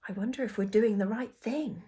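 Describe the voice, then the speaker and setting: A woman doing a soft-spoken, fretful mother. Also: medium pitch, moderate pace, natural voice.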